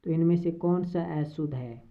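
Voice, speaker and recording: A woman teaching a Hindi spelling lesson for exam prep, slowly reading out options and repeating each word. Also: deep voice. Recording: tinny phone-like audio.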